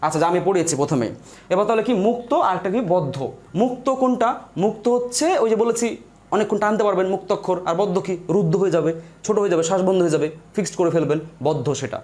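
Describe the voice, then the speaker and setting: A man teaches a live online lesson in a high voice and at a fast clip. He goes step by step and says his points again and again. He calls his viewers "brother" as he talks to them. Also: darkish tone.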